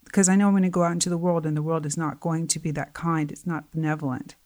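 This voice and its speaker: A middle-aged woman with a slightly low voice speaks earnestly as a guest coach. She talks with conviction and turns animated when she acts out what other people say. Her voice sounds a little tired. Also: fast. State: voice getting tired. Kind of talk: conversational interview.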